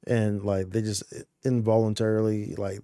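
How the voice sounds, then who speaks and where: A man's voice: on the low side, flat delivery, normal speed, warm tone, no echo, studio quality. Slangy, rambling male streamer. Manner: rambling, slangy, full of "dude" and "like". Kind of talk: casual chat over gameplay.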